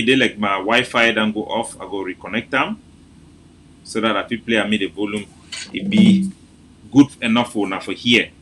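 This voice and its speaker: Bright, forceful Cameroonian man briefing in Pidgin. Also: medium pitch, slight background noise. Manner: animated, mocking, repeats himself. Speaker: host. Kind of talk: informal political briefing in Pidgin English.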